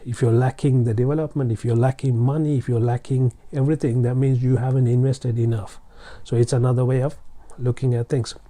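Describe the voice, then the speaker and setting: A Sri Lankan man gives a casual spoken English lesson, chatting directly and encouragingly to his learners. His voice is deep, dark and mellow, at a normal male pitch, and he keeps restating his points, filling gaps with lots of "uh" and "um."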